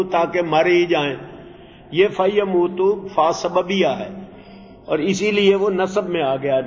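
A man teaching Quranic Arabic grammar, reciting verses slowly and then explaining them in translation. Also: on the high side, a little hiss or hum. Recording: dull lo-fi recording in a reverberant hall.

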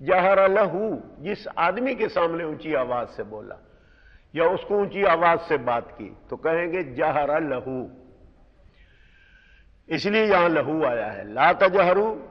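A man gives a careful lesson, explaining words one at a time in a slightly raised voice. He slows down to stress key terms. The recording sounds muffled, with a long reverb. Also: a little high, lively intonation. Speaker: Quran teacher. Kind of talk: word-by-word Quran grammar lesson. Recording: dull recording in a reverberant hall.

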